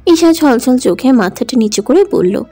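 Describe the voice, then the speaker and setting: A woman's voice: high-pitched, expressive, normal speed, warm tone, slightly rough, dry recording, soft background music. A woman narrating a romantic audio drama in an emotive, dramatic manner. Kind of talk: scripted story narration.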